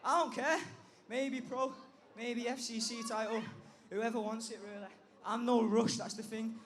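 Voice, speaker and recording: Young man, Manchester accent, high pitch, brash, sweary, unscripted post-fight interview. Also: little pitch movement, moderate pace, a little hiss or hum. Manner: brash, blunt, sweary, cocky. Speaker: amateur MMA fighter being interviewed.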